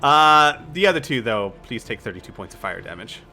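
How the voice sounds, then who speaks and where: A man's voice: mid-range voice, animated, a little fast, bright, forceful tone. A man narrating a tabletop game as game master, mixing dramatic storytelling with casual asides.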